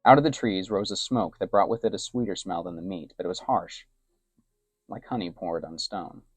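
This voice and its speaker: A man with a very low, deep voice reads an adventure tale in a soft, hushed storytelling manner. His voice sits close and dry, with almost no room sound around it. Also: normal speed, breathy edge, dry recording, faint music behind. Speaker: narrator. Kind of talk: soft-spoken story narration.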